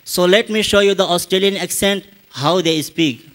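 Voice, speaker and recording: Indian man teaching English slowly. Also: high-pitched, fairly bright tone. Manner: slow, deliberate explaining with repeated examples. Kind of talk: spoken English lesson.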